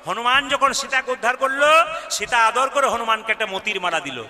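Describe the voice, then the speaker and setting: A man's voice: extremely high pitch, a little fast, pushed and bright, in a large hall. A man telling a devotional story as a kirtan singer, speaking straight to the women listening and acting out the figures' voices. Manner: addresses the women in the audience, asks them to answer aloud.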